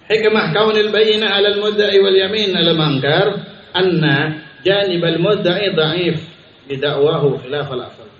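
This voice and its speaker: A man's voice: high voice, a little slow. A male religious teacher giving an Islamic study sermon, mixing Arabic recitation with casual explanation and chuckling often. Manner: chuckles often while talking. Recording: roomy, dull, faint hiss.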